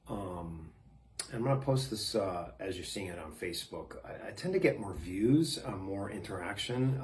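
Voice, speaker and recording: A middle-aged man talking casually to camera about an old album, halting with many ums and uhs. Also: sits low, warm tone. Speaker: former band member hosting his video series.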